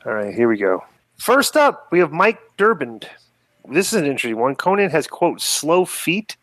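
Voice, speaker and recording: A man with a high voice hosts a podcast, reading listener emails aloud and adding wry comments. His voice sounds dry and close to the mic. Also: very animated, normal speed, fairly bright tone, no room sound. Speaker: podcast host. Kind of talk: casual podcast chat.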